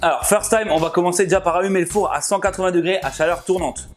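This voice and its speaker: A man's voice: high-pitched, fast talker, a little hiss or hum. A man hosting a casual cooking vlog, chatty and jokey, who often laughs and talks straight to his viewers. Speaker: cooking channel host.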